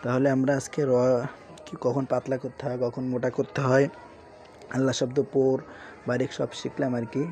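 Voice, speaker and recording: A man teaching Quran reading, spelling out syllables slowly and repeating each word, asking questions and answering them himself. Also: mid-range voice, little pitch movement, a little mellow. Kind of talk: spelled-out recitation lesson. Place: madrasa room with sounds nearby. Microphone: screen-recording setup.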